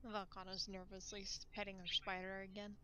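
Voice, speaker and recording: A woman's voice: mid-range voice, completely flat delivery, a little fast, pushed and bright, a little hiss or hum. A woman playing a tabletop game, narrating her character's actions and laughing. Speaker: player. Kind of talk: casual chat.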